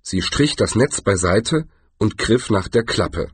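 Husky, expressive male audiobook narrator. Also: on the low side, slow, no room sound.

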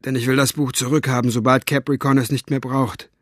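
A man voicing a tired father who speaks low and steady. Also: fairly quick, no room sound, studio quality, close to an everyday voice. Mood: weary. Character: tired father, calm but firm.

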